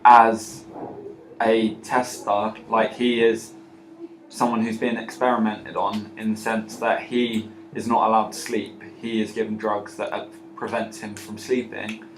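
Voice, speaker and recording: A young man in his late teens argues his case in a student planning meeting, often cutting in with objections. The room is echoey. Background noise is clearly heard under his voice. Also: on the low side, little pitch movement, measured pace. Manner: argumentative, keeps objecting. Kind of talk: casual group discussion. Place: school classroom.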